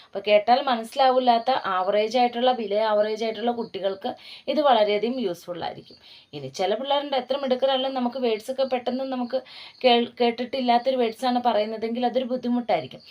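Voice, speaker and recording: Woman tutor spelling drug names slowly. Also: a little high, highs cut off. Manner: slow dictation of spellings letter by letter; encouraging teacherly asides. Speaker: OET tutor. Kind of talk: spoken exam-prep lesson.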